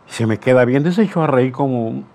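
A man's voice: medium pitch, fast, vocal fry, darkish tone. An older man, a veteran radio announcer, telling anecdotes in an interview. He speaks animatedly, acts out dialogue and often restarts his words.

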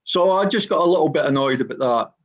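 An older man from Glasgow, a former footballer with a broad Glaswegian Scottish accent, talks bluntly about his life as a podcast guest during a panel talk. His voice is a little high, with lively intonation, and he speaks fast. The audio has its highs cut off.

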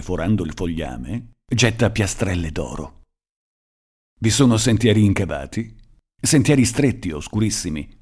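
A male narrator with a fairly low voice reads a short story aloud. His delivery is measured and expressive, in a scripted storytelling style. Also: husky.

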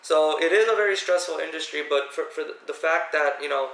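A young man co-hosting a casual podcast, telling animated anecdotes full of fillers. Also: fairly high pitch, fairly quick, reverberant, distant mic, poor audio. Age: young adult. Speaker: podcast co-host, event DJ. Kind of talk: casual group chat.

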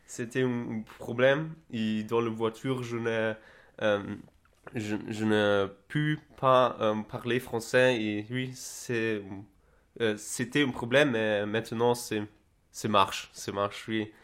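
A young German man talks casually in broken French, with a German accent coloured by Spanish. His delivery is slow and halting, in a medium pitch, and he often repeats words as he searches for the next one. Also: steady tone, a bit bright. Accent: German with Spanish influence. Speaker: interviewee recounting travels. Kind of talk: casual conversational interview.

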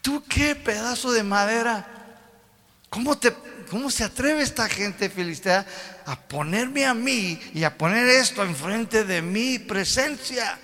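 A man's voice: sits high, lively intonation, measured pace, pushed and bright, pitched above the performer's own voice, heavily acted. A man acting out an indignant, mighty God who mocks a wooden idol, with a Mexican Spanish accent. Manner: mocking, exclaiming. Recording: long hall reverb.

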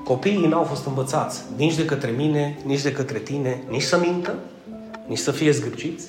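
Male preacher with a lilt, high voice, quizzes and teases his congregation, in a roomy church with soft music. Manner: joking, asks the congregation questions. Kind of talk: conversational sermon with congregation call-and-response.

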